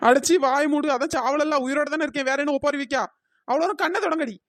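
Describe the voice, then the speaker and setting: A voice actor playing a feisty, quarrelsome old village woman in a cartoon, speaking in a pitch-raised cartoon voice, wailing and scolding dramatically. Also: quick pace, a bit bright, no echo, clean studio sound. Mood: snappy.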